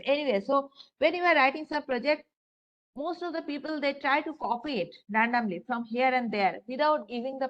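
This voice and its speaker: Her "uh"s and "you know"s come often as this university lecturer, a high-pitched woman with an Indian English accent, talks to her class in an easygoing, conversational manner, addressing the students directly. A room microphone in a classroom seems to have picked her up, leaving the sound dull and lo-fi.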